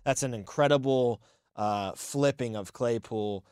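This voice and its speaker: A man's voice: medium pitch, a little slow, clear, resonant tone, no room sound. Opinionated man in dry sports chat. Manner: animated, opinionated, thinks aloud with restarts. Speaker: sports podcast co-host. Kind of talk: casual sports talk.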